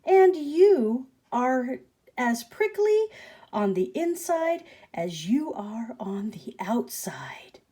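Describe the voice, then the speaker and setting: A woman voicing a calm, blunt male coyote in a picture book read-aloud, speaking quietly and plainly. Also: high-pitched, drawn-out words, husky, pitched above the performer's own voice, exaggerated voice.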